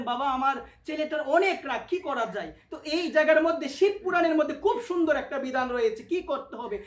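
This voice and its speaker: A man's voice: very high-pitched, fairly bright tone. A man giving a devotional sermon with call-and-response, asking the audience questions and answering them himself, repeating key words and chanting mantras. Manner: chants mantras and the holy names. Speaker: devotional preacher. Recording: echoey hall sound.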